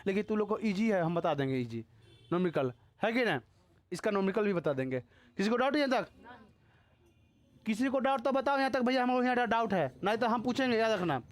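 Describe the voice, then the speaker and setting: A male school teacher with a Bihari Hindi accent lectures a live class on physics. He talks to the students in short repeated questions and checks whether they have understood. He mixes in scolding and teasing. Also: sits high. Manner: repeatedly quizzes students, scolds and teases them.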